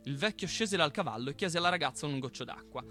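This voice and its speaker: A man hosting a radio show, reading a folk tale aloud in an expressive storytelling manner. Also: a little high, fast talker, faint music behind. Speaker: radio host. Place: radio studio.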